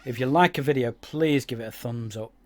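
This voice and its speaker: A man's voice: medium pitch, fairly quick. A man giving casual, rambling commentary over his own gameplay, with many fillers and restarts. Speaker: game YouTuber.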